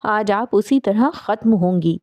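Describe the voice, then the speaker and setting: A woman voicing an enraged young woman who shouts and bites out her words at her mother. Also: mid-range voice, dry recording, lightly acted. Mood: furious. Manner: shouting, then cold and biting.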